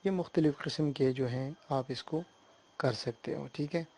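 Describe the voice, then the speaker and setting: A man giving a screen-recorded software tutorial, explaining step by step and often checking that the listener follows. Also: mid-range voice. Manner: hesitant fillers and restarts while working on screen.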